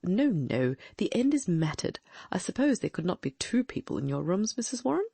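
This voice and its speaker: For an audiobook dramatic reading, a woman voices a brilliant, sharp, confident Victorian gentleman detective, deducing aloud in crisp, precise sentences. Her lowish, warm, gravelly, slightly husky voice is heavily acted and very animated, with big pitch movement at normal speed. The recording is very dry and close, with no room sound.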